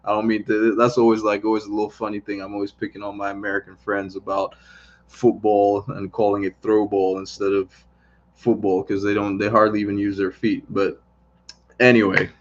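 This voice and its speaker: Host, male, grew up in Italy: low, level delivery, rambly live-stream chat, dull lo-fi audio. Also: level tone, a little fast. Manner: rambling, frequent "right?" tags. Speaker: online business coach. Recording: dull lo-fi sound.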